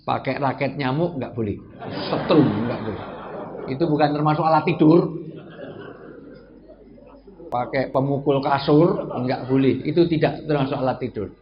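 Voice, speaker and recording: A middle-aged man giving a humorous religious lecture, joking with his audience and breaking into loud bursts of emphasis. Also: mid-range voice, normal speed, long pauses. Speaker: preacher. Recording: dull lo-fi recording with faint background hiss.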